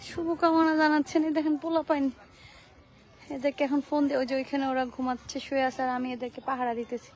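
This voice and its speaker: A young woman, vlogging at an outdoor playground. She calls anxious warnings to her child and then speaks softly to her viewers. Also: sits high, little pitch movement, brisk, slight background noise. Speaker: vlogger and mother. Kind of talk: casual family vlog.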